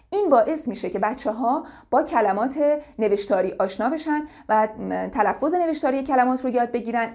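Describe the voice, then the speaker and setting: A woman giving informal spoken advice to parents as an educator, in a calm and patient way. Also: fairly high pitch.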